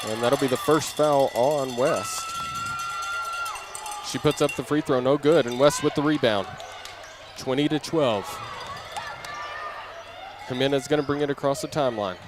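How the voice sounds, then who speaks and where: Speaking a little slowly and pausing often, a mid-range male announcer calls a basketball game live from a gym with crowd noise around him. His phrases are clipped and running, and the ball's bounces and game noise come through clearly.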